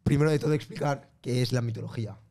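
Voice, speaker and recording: A young man with a hoarse, worn-down voice, talking on a casual podcast. He explains things at length, pausing and restarting as he goes. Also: mid-range voice, mellow. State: hoarse, losing his voice. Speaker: podcast co-host.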